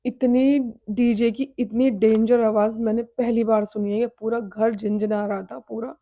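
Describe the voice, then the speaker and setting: A woman's voice: on the high side, little pitch movement, moderate pace, mellow, recorded from a distance. A woman talking in a casual personal vlog at home, earnest, emotional and confiding. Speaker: vlogger. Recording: echoey room, voice from off-mic.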